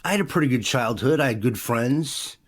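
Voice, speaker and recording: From the Pacific Northwest in the USA, a former radio DJ in his fifties chats casually in an interview, rambling with plenty of fillers. His mid-range voice is brisk and lively in intonation.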